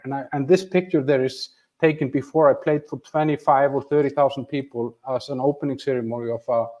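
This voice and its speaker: The recording is low quality, carrying a medium-pitched, darkish male voice. He's an Icelandic channel host in his fifties streaming live from a home room with a flag behind him, casually chatting with viewers, mocking himself and starting over many times.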